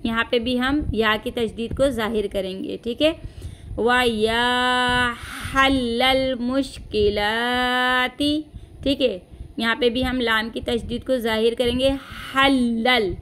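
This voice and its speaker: A woman teaching recitation as a patient, corrective teacher, chanting slow phrases and then explaining each one. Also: on the high side, fairly even intonation, fairly bright tone, a little hiss or hum. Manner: patient, corrective, says "theek hai" often.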